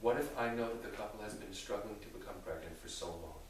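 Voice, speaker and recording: A man speaking as a rabbi, answering theological questions in a deliberate, thoughtful way with careful qualifications. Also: fairly low pitch. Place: reverberant indoor room with an audience. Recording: very echoey room, distant mic, faint noise.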